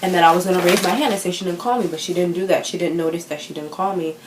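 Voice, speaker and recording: A woman's voice: lowish voice, fairly even intonation, rapid-fire, echoey room, noisy background. A teenage girl chatting to the camera in a vlog, self-conscious and full of fillers. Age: teens. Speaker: vlogger. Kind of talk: casual chat.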